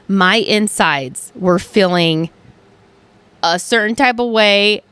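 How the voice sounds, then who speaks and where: An emphatic woman hosting a casual podcast, leaning hard on "like" and swearing now and then. Her voice sits at a middling pitch, and the sound is dry and close. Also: takes it slowly, fairly bright tone, clear, resonant tone, dry recording. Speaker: podcast host. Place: at home on a couch.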